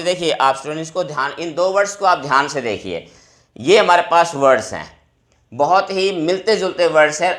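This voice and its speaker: A male teacher explaining vocabulary words to exam students, repeating each word slowly. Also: a little high, fairly bright tone.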